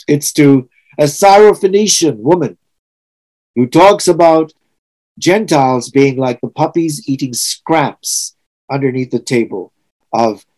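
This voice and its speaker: A man's voice: mid-range voice, dark tone, poor audio. A sixty-year-old man from Trinidad and Tobago, preaching a sermon in an earnest, reflective way with emphatic swells. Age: 60s.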